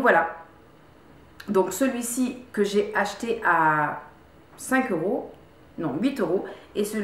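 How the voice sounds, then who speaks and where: In an echoey room at home, a woman who vlogs about beauty talks casually through her favorite products in a mid-range voice. She's chatty, with plenty of repeated words and frequent restarts.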